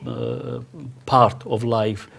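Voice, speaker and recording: A man's voice: on the low side, very animated, very slow, vocal fry, a bit bright. A middle-aged man from the Kurdish region of Iraq, speaking as a panel guest in a hesitant way, with many restarts and fillers. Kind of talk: panel discussion.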